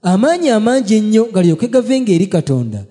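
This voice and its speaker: A man reading scripture aloud in a measured, recitative way during a sermon. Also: sits high, very animated, warm tone. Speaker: scripture reader. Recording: long hall reverb.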